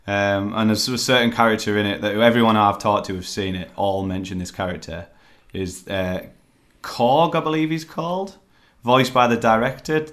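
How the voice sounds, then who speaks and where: Male host, deep-ish voice, chatty and halting, casual podcast review. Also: steady tone, a bit bright. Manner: rambling, hesitant, lots of fillers. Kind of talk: casual film review chat.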